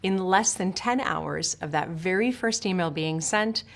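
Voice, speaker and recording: A woman's voice: lowish voice, a little slow, gravelly. A woman from Switzerland narrating a sales course in an upbeat, emphatic coaching manner, speaking straight to the viewer. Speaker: sales instructor.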